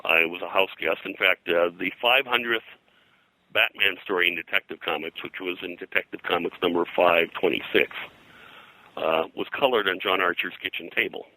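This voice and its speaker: This interview guest, an older pop culture historian who publishes pulp, talks about his career in a low voice, rambling, halting, and repeating words. The sharp, forceful sound was recorded very dry and close with no echo, but the audio quality is poor.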